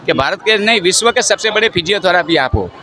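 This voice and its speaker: A man's voice: high voice, lively intonation, brisk, bright, forceful tone. Blunt rambling man from Gujarat, outdoors. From Gujarat, India. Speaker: faith healer. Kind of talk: outdoor interview. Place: outdoor healing camp. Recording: noisy outdoor field recording.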